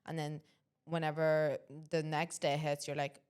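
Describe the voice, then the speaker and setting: Low-voiced emphatic woman. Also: flat delivery, a little slow, darkish tone, clear, resonant tone. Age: 20s. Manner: emphatic, opinionated. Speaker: podcast co-host. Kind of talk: casual chat.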